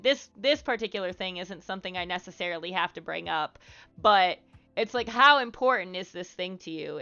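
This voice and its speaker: A woman's voice: mid-range voice, pushed and bright, clean tone. A young woman live streaming, chatting casually with her viewers and giving advice in a rambling way full of fillers. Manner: rambling, many fillers and "like"s, candid. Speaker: live streamer answering chat. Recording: dull lo-fi stream audio.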